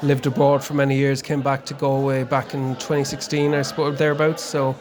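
A man's voice: medium pitch, completely flat delivery, a little fast, a crowd in the background. A man in his forties from Connemara with a west of Ireland accent, chatting casually and hesitantly as an interview guest. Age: 40s. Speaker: interview guest, amateur endurance cyclist. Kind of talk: casual chat.

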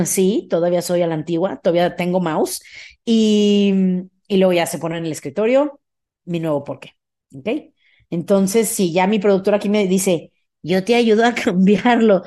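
Woman, Mexican accent, high voice, emphatic, energetic, motivational podcast host, middle-aged. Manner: energetic, emphatic, often asks "ok?".

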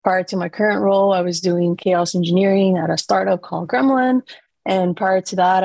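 A woman from Costa Rica, a guest on a panel chat, introducing herself briskly and cheerfully. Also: mid-range voice, vocal fry, darkish tone, no echo. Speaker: guest, developer advocate.

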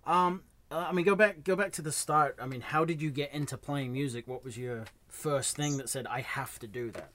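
Male interviewer, casual, long winding questions, quick affirmations. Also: fairly high pitch, fairly bright tone. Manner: rambling questions, short backchannel replies.

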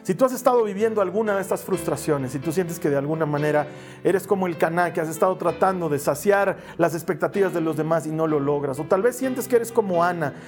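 A male pastor preaching a sermon, earnest, building to emphatic peaks and then dropping low and slow. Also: lively intonation, faint music behind.

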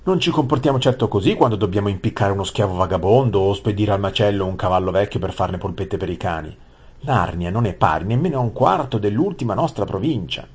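A man voicing a hot-tempered young prince who shouts and rants. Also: fairly low pitch, expressive, quick pace, breathy edge. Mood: furious. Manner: shouting, ranting.

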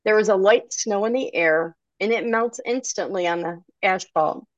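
A woman author reading her own novel aloud, narrating in an expressive storybook manner. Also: medium pitch, moderate pace, dry recording, lo-fi sound.

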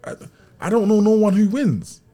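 This man's voice sits high, moving at a moderate pace with lively intonation and a mellow quality. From Brixton, south London, he's an interview guest casually telling stories in a South London accent, using street slang and often asking whether he's understood.

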